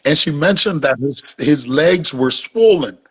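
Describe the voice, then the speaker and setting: A man's voice: a little high, expressive, a little slow, a bit bright, slightly rough. A man from Liberia with a Liberian accent, answering an interviewer's questions. He restarts often and repeats words as he builds his case. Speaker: interview guest. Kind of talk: remote interview, defending his account. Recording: dull lo-fi audio.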